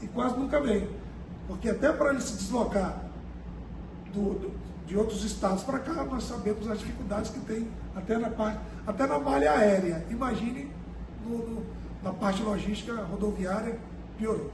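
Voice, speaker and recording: A high-voiced man answers an interviewer earnestly, stopping to repeat words as he finds his point. He was recorded from a distance in an echoey room with clear background noise. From Brazil, Amazonas. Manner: earnest, deliberate, repeats words while searching. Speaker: company director, interviewee.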